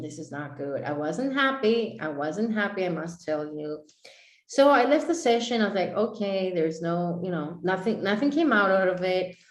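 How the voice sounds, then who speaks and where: A young adult woman from Greece, a life coach, telling a personal story to a live online audience and acting out both sides of each conversation. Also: medium pitch. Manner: animated, acts out both sides of dialogues. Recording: echoey room.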